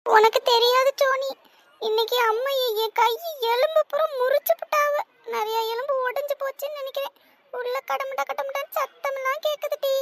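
A woman's voice: very high voice, very animated, normal speed, fairly bright tone, heavily acted. A woman voicing a lazy, whiny teenage daughter who dodges chores, with a pleading manner. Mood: whimpering. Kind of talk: cartoon voice acting.

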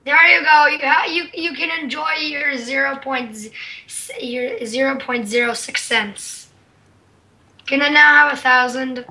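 A woman chatting casually while gaming with friends, excitable and stammering, often repeating her words. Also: sits high, unhurried. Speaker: gamer uploading a multiplayer session. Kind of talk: casual gameplay chat. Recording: voice from far off the mic.

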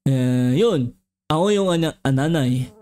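A YouTuber doing a low, mumbling giant bee. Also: measured pace, dark tone, lightly acted. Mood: grumbling. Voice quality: garbled, mumbly speech. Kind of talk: Minecraft role-play.

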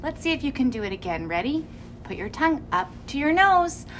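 A young woman teaching small children speech in a playful, expressive way, modeling sounds and words slowly with exaggeration. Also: high voice, slight background noise. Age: young adult. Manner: animated, expressive, gasping in mock surprise. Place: small indoor room with curtain backdrop.

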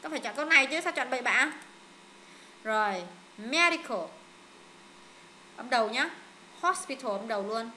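A woman tutoring students in English, drilling them through exam answers in a brisk, directive way and correcting their mistakes firmly. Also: a little high, animated, sharp tone, a little hiss or hum.

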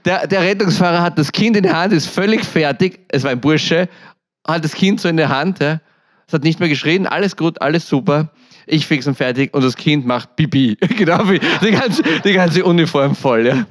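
A man with an Austrian German accent, giving a lively storytelling sermon at a church, acting out voices and laughing often. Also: fairly high pitch, moderate pace. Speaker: church speaker.

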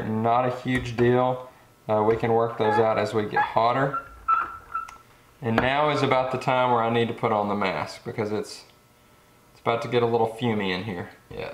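Chatty man in an echoey garage. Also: mid-range voice. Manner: relaxed, chatty, thinking aloud with fillers. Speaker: fishing channel host. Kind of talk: casual how-to vlog. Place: home garage workshop. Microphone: camera mic. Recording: echoey garage with background noise.

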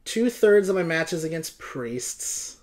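A man's voice: a little high, expressive, slow. A young man giving casual, slangy live game commentary to viewers, moving between exclaiming and muttering. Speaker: video game streamer. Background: game music.

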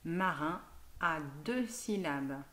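A woman teacher giving a slow, patient phonics lesson to a young child, sounding out each word and syllable clearly. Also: lowish voice, lively intonation, a bit bright, a little hiss or hum.

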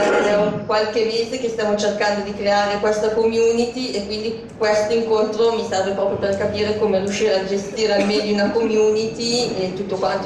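A woman introducing herself at a community event, slightly nervous and halting, in a large hall. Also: mid-range voice, noisy background. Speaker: audience member introducing herself. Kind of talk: spontaneous self-introduction. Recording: very echoey hall, mic far off.

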